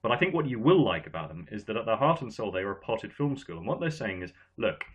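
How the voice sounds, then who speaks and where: A man's voice: lowish voice, big pitch swings, fast, breathy edge, dull audio. A man who is half Irish and half English hosts a casual panel chat, talking animatedly with an English accent and an Irish lilt. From Ireland and England. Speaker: podcast host.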